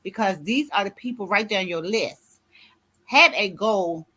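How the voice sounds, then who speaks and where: A woman's voice: medium pitch, expressive, measured pace, sharp tone, husky. A woman in her sixties, an author and grief coach, giving a motivational talk in a preachy way and often asking "you see what I'm saying?". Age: 60s.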